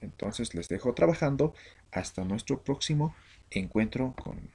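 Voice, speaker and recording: Man, from Bolivia, language teacher, slow deliberate vocabulary drill, gravelly, faint noise. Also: medium pitch, expressive, mellow. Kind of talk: vocabulary lesson.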